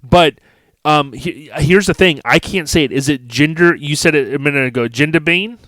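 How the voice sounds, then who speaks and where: With a voice on the high side and a fairly bright tone, this American podcast host talks at a moderate pace in a dry recording. He is enthusiastic and casual, addressing his listeners straight on.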